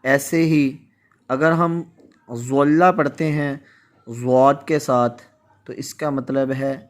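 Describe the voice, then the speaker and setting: A man from Pakistan teaching Quran recitation, explaining slowly and contrasting how words are pronounced. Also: medium pitch, steady tone. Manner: slow, explanatory, contrasts word pronunciations. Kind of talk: Urdu tajweed lesson.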